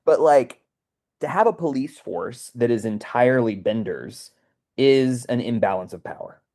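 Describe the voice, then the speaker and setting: A man's voice: medium pitch, measured pace, dark tone. A man hosting a podcast discussion, talking earnestly and often checking in with "right?". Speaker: podcast host. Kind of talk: casual discussion.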